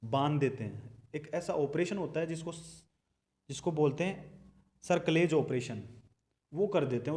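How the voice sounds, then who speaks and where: A man's voice: on the high side, mellow. A young man with an Indian accent teaching nursing exam material, asking questions and answering them himself. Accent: Indian English. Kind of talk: recorded lecture.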